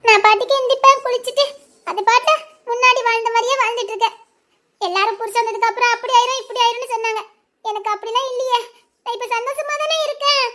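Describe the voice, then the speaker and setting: A woman's voice: extremely high pitch, steady tone, fast talker, bright, forceful tone. A woman playing a chatty, teasing wife in a colloquial family drama.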